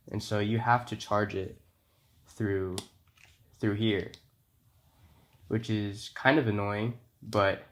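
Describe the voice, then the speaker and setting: A man giving a casual, conversational camera review, his voice affected by being sick. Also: on the low side. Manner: informal, conversational.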